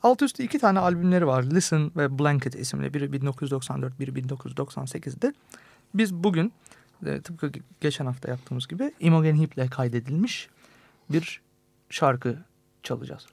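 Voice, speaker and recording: Man, radio host, gravelly voice, dry studio sound, playful banter. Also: medium pitch, animated, fairly quick, darkish tone, dry recording. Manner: playful, self-mocking banter. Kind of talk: casual radio chat.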